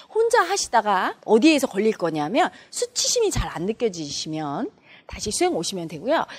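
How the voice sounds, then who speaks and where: Woman meditation teacher lecturing, husky breathy voice, pitch swings all over, acts out little dialogues. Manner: animated, acts out quoted family dialogue.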